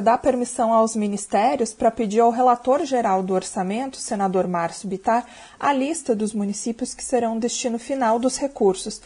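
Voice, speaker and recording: A woman with a Brazilian accent reading a scripted radio news report in a measured, deliberate way. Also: on the high side, warm tone, slightly rough.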